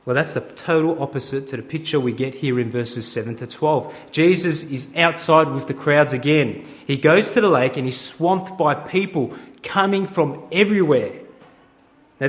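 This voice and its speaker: In a fairly high voice, a middle-aged man with an Australian accent delivers a chatty sermon as pastor of a church. He asks the congregation questions, and the audio comes across dull.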